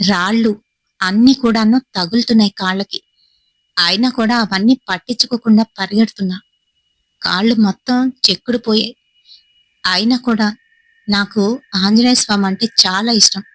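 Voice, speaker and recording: A woman's voice: medium pitch, a bit bright, dry recording, rough recording. A woman with a Telugu accent telling a first-person horror story, dramatic and frightened in tone. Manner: dramatic, frightened retelling with tense dialogue bursts.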